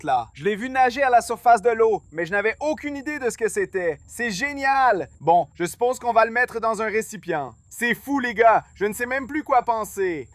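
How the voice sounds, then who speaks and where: A man hosting a fishing vlog, narrating excitedly and often exclaiming to his viewers. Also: very high voice, dry recording. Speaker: vlog host.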